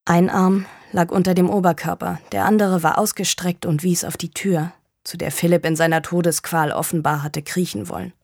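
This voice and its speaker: A woman narrating a crime story in a fairly low voice, measured and grave. The recording is close and dry, with no room sound around her. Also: fairly even intonation, darkish tone, no room sound. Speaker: audiobook narrator. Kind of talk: scripted narration of a crime novel.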